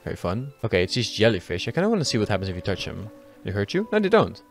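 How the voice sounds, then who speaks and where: Excitable young man on a game let's-play. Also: fairly low pitch, racing, vocal fry, soft background music. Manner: excitable, swears, talks to viewers. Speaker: gaming YouTuber.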